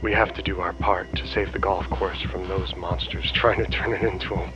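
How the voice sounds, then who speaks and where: An actor playing a smug, corrupt small-town police officer, heard over a phone on speakerphone. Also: male voice, low voice, fairly even intonation, moderate pace, over music. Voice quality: smug, mocking, giggly. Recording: dull lo-fi phone line.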